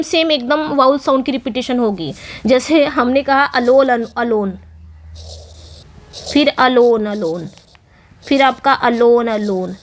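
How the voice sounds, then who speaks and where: A young woman with a high voice teaches an English exam-prep lesson. She explains in with English terms mixed in, reads the English questions slowly, and asks and answers her own questions.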